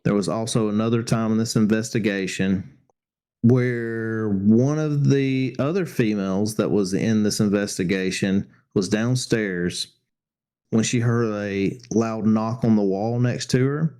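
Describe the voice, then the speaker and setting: A man's voice: on the low side, a little mellow, clean tone. A man co-hosting a podcast, casually retelling a ghost hunting story with loose restarts. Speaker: podcast co-host.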